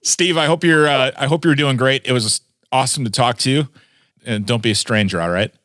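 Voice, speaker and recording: A male radio host with a middle-pitched voice and a relaxed, chatty way of talking, laughing easily along with his guest. The sound is close and dry. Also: brisk, dry recording. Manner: friendly, laughs easily, wraps up the segment. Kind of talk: casual radio chat.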